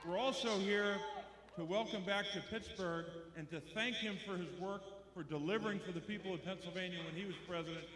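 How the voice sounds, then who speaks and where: A man's voice: sits high, steady tone, a little fast, a bit bright. An American man giving a declamatory rally speech, repeating phrases for emphasis as a political speaker. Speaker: political speaker introducing the headliner. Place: large rally venue, public-address sound. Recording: crowd noise, echoey large venue. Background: cheering crowd.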